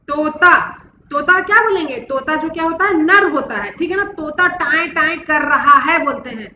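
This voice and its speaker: A woman's voice: high-pitched, bright, forceful tone, roomy sound, highs cut off, a little hiss or hum. A woman teaching a grammar lesson, explaining step by step and asking herself questions before answering them. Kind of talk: classroom-style grammar lesson.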